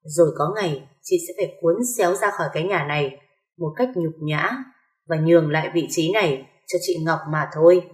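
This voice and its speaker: Sneering spiteful young woman, lowish voice, read by a woman; roomy sound. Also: moderate pace, darkish tone, close to an everyday voice. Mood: hissing. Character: spiteful young sister-in-law. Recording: echoey room.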